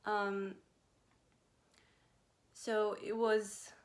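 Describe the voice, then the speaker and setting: A woman in her thirties, originally from Romania, talking to her viewers in a casual personal vlog, pausing often with fillers. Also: mid-range voice, little pitch movement. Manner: hesitant, many pauses and fillers. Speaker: vlogger. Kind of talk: casual personal talk to camera.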